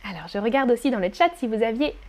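This woman's voice sits on the high side, with an animated delivery and a darkish tone. She's running a live online French pronunciation class, speaking words slowly and repeating them, then offering encouragement as she reads what learners post in the chat.

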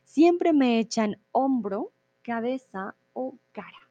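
A woman's voice: a little high, lively intonation, takes it slowly, mellow, dry recording, highs cut off. A woman teaching Spanish on a live stream, explaining expressions patiently and reading out viewer comments. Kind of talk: live-streamed language lesson.

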